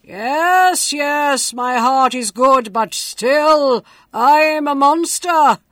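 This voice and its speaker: A woman voicing a gentle, humble male beast who speaks loudly and draws his words out. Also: sits high, very slow, no echo, studio quality, voice pushed up, exaggerated voice. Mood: plaintive.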